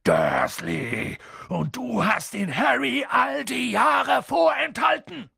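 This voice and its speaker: A man reading an audiobook and voicing a huge, hot-tempered but kind male giant who swings between hushed whispers and booming shouts. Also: big pitch swings, measured pace, vocal fry, husky, dry recording, clean studio sound, exaggerated voice. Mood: indignant.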